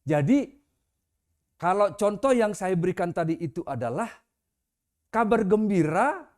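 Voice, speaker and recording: High-voiced man preaching a sermon. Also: animated, unhurried, a little mellow. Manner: conversational, with casual example voices. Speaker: pastor. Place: church.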